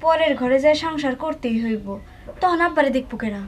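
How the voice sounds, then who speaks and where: An actress playing an outspoken younger daughter in her young adult years, brisk and confident, speaking with a Bangladeshi Bengali dialect accent. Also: high voice, a little hiss or hum, close to an everyday voice. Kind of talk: TV drama acting.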